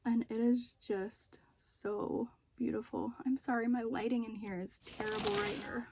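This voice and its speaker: A woman's voice: on the high side, measured pace, gravelly, darkish tone, breathy edge, no echo. A woman chatting casually in a home video as she shows off her craft projects. She rambles a little and stops to remember details. She sounds slightly out of breath after being ill. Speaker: crochet and knitting vlogger. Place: room at home with poor lighting.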